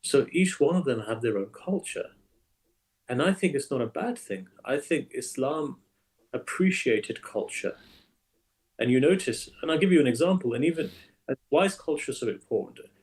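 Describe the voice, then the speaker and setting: Emphatic and animated, an imam being interviewed conversationally as a guest often repeats words as he develops a point. His voice is medium-pitched, at a normal speed.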